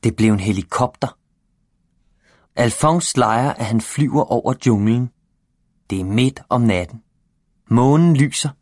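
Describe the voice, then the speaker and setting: A man reading a children's storybook aloud in a gentle, expressive way. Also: mid-range voice, pauses often, dry recording, studio quality. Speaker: reader. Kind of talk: storybook narration.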